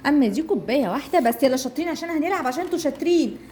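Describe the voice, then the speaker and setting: A woman's voice: high-pitched, expressive, a little mellow, soft background music. A woman with an Egyptian accent leading a children's speech lesson, praising often and drawing out key words as she repeats them. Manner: slow drawn-out repetition of target words. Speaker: speech therapist teaching young children. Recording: noisy room recording.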